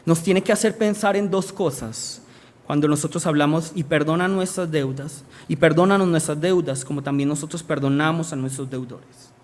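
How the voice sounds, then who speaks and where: A man's voice: on the high side, moderate pace, darkish tone. A male preacher, giving a sermon and asking the congregation questions that he answers himself.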